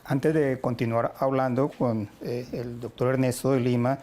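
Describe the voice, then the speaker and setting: A man, hosting an interview and asking formal, measured questions. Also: medium pitch, flat delivery, mellow, a little hiss or hum. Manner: measured and formal, with some restarts.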